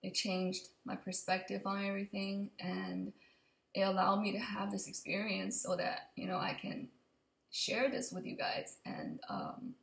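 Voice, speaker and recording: In an open kitchen and living room with a clear echo, a young woman vlogs an unscripted, casual update into her computer mic from desk distance. Allergies leave her mid-range voice slightly raspy and often creaky, and it shows little pitch movement as she speaks slowly, hesitantly and with some rambling.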